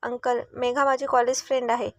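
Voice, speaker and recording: A bubbly, playful young woman in a storybook tale, as a woman reads her. She teases and gushes in a bright, high voice. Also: a little fast, no echo, studio quality, close to an everyday voice. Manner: playful, excitable.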